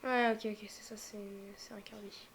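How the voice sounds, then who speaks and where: A young woman talks through a live reaction with a slightly high voice, filling pauses and thinking aloud. She sometimes drops to a whisper. A faint hiss sits under her voice. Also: little pitch movement. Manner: musing aloud, many fillers, drops to whispers. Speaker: streamer reacting to a game showcase. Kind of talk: casual live reaction commentary.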